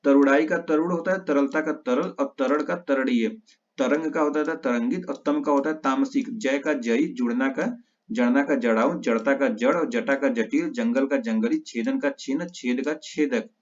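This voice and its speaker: A male teacher giving an exam-prep lesson, reciting word pairs in quick lists and correcting his own slips. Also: medium pitch. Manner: rapid list recitation with self-corrections. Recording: slightly dull lo-fi audio.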